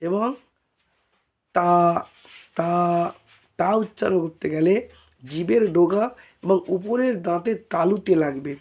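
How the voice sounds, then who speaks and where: A man from India with a Bengali accent teaching Arabic letters, repeating each sound several times in a slow spoken lesson. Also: sits high, animated, darkish tone, breathy edge.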